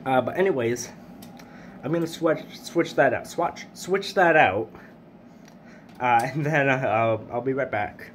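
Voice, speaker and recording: A man's voice: mid-range voice, measured pace, long pauses, fairly bright tone, slight background noise. A man chatting casually as he hosts a hobby equipment demonstration, recorded indoors on a handheld camera. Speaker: hobbyist video host. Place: indoors, beside plywood test board.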